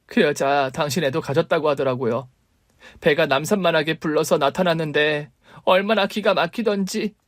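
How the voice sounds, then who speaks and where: A man's voice: on the high side, moderate pace, dry recording, studio quality, voice pushed up, natural voice. A man voicing a hurt, long-suffering middle-aged mother who talks in a pleading, emotional way. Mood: angry.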